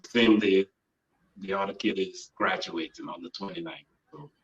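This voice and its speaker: Guest author, a man in his forties from Guyana, measured and hesitant, recorded on a phone from some distance with dull sound. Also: low-pitched, big pitch swings, vocal fry, a bit bright. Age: 40s. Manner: measured, trailing off with frequent uhs. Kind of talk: interview answers. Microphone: phone held by another person.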